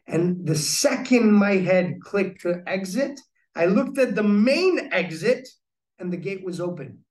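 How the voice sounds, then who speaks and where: A man with a fairly high voice tells a personal story, earnest and reflective, often stopping to restart a thought. He sounds a little far from the mic, in a room with a noticeable echo. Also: expressive, a little slow, a little mellow. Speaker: guest telling his recovery story. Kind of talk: storytelling in a conversation.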